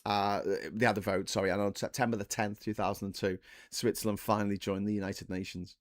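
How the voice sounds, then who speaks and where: A man in his forties chatting casually on a live stream, wandering from one bit of trivia to the next and correcting himself as he goes. His voice sits fairly low, and the sound is dry and close with no room to it. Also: level tone, brisk, no room sound. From England. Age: 40s. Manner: rambling, self-correcting, chatty with the chat. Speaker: livestream host.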